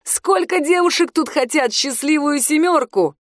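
A woman voicing a drunk, crude, boastful high-school heartthrob boy in a storybook reading, loud and drawn-out. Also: no room sound, clean studio sound.

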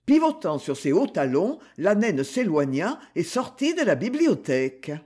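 A man narrating a novel aloud as an audiobook reader, in a measured, expressive way. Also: sits high, husky. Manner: slow, expressive reading.

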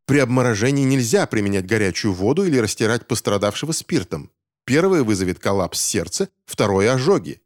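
A man reading an audiobook voices a stern gentleman doctor who lectures the others. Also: medium pitch, sing-song, fairly quick, no room sound, clean studio sound, natural voice. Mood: indignant. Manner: indignant, lecturing.

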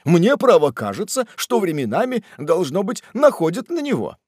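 Man doing a fussy polite old gent, excitable, high-pitched, swooping voice, dry recording. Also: moderate pace, husky, dry recording, full character voice. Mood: puzzled. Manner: excitable, flustered, polite exclamations. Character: cheerful, fussy elderly English gentleman.

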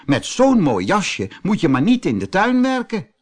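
A man's voice: sits high, huge pitch swings, measured pace, voice pushed up, exaggerated voice. A man doing a sensible, practical older wife.

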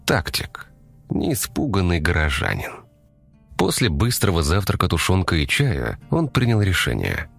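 A man reading a thriller audiobook in a measured, dramatic storytelling manner. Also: low voice, huge pitch swings, vocal fry, fairly bright tone, faint music behind. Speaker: narrator. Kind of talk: scripted audiobook narration.

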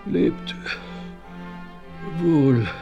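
A man's voice: a little high, extremely slow, gravelly, highs cut off, over music, exaggerated voice. A man playing a dying old frontiersman in agony, groaning and pleading in a radio play. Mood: agonized. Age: older. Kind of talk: 1970s radio play acting.

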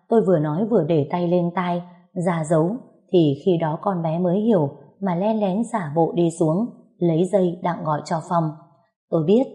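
A woman narrating a first-person story in a lively, indignant way. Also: on the low side.

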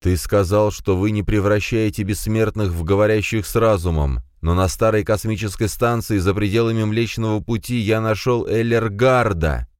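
A man reading a storybook, voicing a confused, tired male mind that speaks hoarsely through a small loudspeaker. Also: on the low side, normal speed, hardly any pauses, dry recording, studio quality, pitched above the performer's own voice, close to an everyday voice. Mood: accusing, confused. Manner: confused, pleading, near tears.

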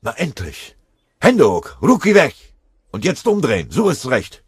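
A man's voice: low-pitched, normal speed, darkish tone, no echo, studio quality. A man voicing a tough, bold German corporal in a wartime audiobook, barking orders. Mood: shouting commands.

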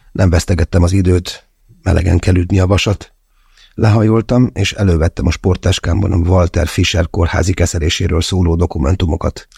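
A man's voice: low voice, vocal fry, a little mellow, husky, no echo, studio quality. A man narrating a novel in the first person as an audiobook, in a wry storytelling manner.

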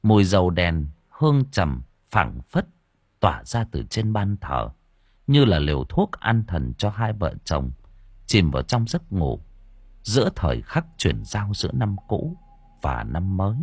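A man narrating a story slowly and dramatically, letting his voice swell at tense moments. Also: deep voice, big pitch swings, a little mellow, slightly rough, no echo, clean studio sound. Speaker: audiobook narrator. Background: faint background music.

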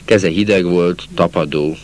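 A man reading a literary novel aloud as an audiobook narrator, slow and measured, dropping to a hush at sad passages. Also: low voice.

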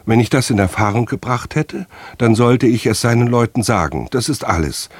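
A man's voice: mid-range voice, moderate pace, breathy edge, dry recording, voice pushed up, natural voice. A man voicing a stammering, frightened minstrel. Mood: pleading. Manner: stammering, hasty pleading. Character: frightened young male wandering singer.

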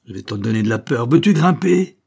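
A man's voice: mid-range voice, normal speed, dark tone, husky, pitched above the performer's own voice, natural voice. A man voicing a brutal, bullying male fairground acrobat master who barks sneering orders. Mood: harsh, bullying.

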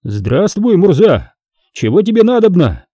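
Calm, sly old churchman, voiced by a male narrator; warm, husky, lively. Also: high-pitched, unhurried, no room sound, studio quality, voice pushed up, full character voice. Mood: calm mocking. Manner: calm, mildly mocking. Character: old grey-browed church leader, calm and shrewd.

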